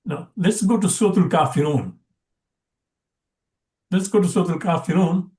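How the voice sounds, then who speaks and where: A man's voice: high-pitched, moderate pace, darkish tone, echoey room. A man teaching an Arabic grammar class, explaining patiently with frequent restarts.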